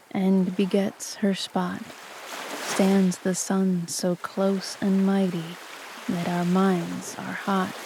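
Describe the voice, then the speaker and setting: A woman narrating poetry in a soft, calm and even voice, reading to help listeners fall asleep. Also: medium pitch, noisy background. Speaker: sleep story narrator. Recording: voice over a loud ambient ocean bed. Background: ocean ambience.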